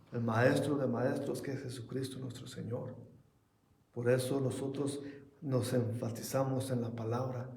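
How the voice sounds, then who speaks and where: A man's voice: medium pitch, dark tone, reverberant. A man preaching an earnest Sunday Bible study sermon as pastor. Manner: earnest preaching, ending in prayer.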